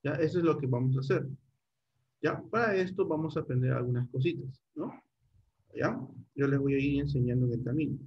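A man's voice: medium pitch, a little fast, husky, dull audio. A middle-aged man teaching a computer class online, guiding students step by step and checking in often.

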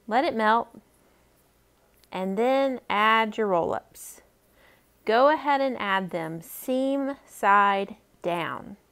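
A woman in her thirties with a medium-pitched, slightly bright voice hosts a children's cooking session at the library. She explains each step plainly and warmly, cheering the kids on.

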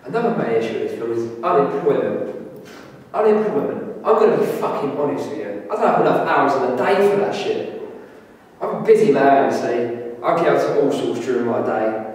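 A man's voice: mid-range voice, animated, brisk, a little mellow, natural voice. A young man playing a cocky party lad in a sweary, slangy, emphatic monologue to camera in a classroom. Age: young adult. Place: indoor classroom. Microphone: camera a few metres away. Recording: echoey room, distant mic, faint noise.

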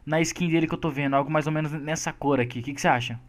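A man with a high voice rattles off quick, excitable commentary as he plays. He pleads with his partner for help and talks to the viewers in casual gameplay banter. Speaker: gaming channel co-host.

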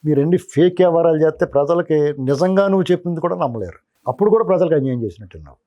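A man's voice: fairly high pitch, expressive, rapid-fire, dark tone. A man giving heated political commentary as an analyst, scolding a politician directly.

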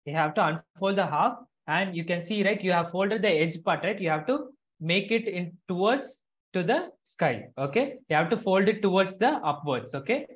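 In a live online lesson over a video call, a teacher walks children through a craft step by step, repeating instructions and checking that they follow along. The medium-pitched voice is expressive and moderately paced, captured in dull lo-fi call audio.

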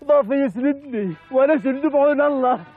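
Passionate Bedouin brother, high voice, Bedouin Arabic, declamatory TV-drama delivery, muffled phone-like sound. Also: male voice, quick pace. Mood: overwhelmed joy. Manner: emotional, declamatory, repeating phrases. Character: passionate Bedouin man devoted to his newfound brother. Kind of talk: Bedouin television drama acting. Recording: muffled, phone-like, faint music.

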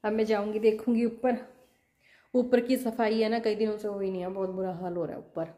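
A woman in her thirties, a mother chatting casually to her viewers from her home kitchen while doing chores and gently scolding her child. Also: mid-range voice, little pitch movement, a little fast. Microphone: phone camera.

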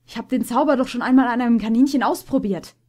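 A woman's voice: on the high side, fast talker, a little mellow, natural voice. A proud, clever stallion with a dry, know-it-all way of talking, played by a woman reading aloud. He sounds touchy and sure of himself.

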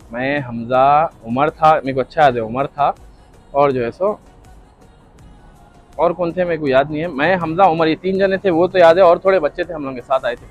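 Young man telling a rambling story. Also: mid-range voice. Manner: rambling, reenacts dialogue. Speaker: vlogger. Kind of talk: casual storytelling. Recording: dull lo-fi audio with faint music.

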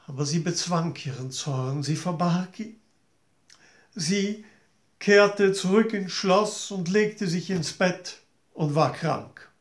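A male storyteller telling a fairy tale to children, gently addressing his listeners directly. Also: high-pitched, takes it slowly. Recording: roomy echo.

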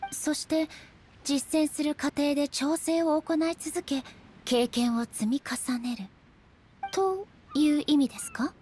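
A woman playing a regal, solemn female shogun and swordswoman in a game, speaking formally and with measured stateliness. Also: high voice, a little mellow, slight background noise. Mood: earnest, thoughtful. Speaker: voice actor. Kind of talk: Japanese anime-style game character voice lines.

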